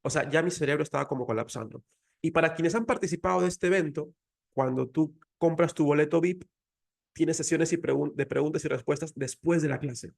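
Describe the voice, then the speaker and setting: A man's voice: a little high, fairly quick, gravelly. A man with a Mexican Spanish accent giving an emotional, earnest faith talk, telling a personal story. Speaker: faith speaker.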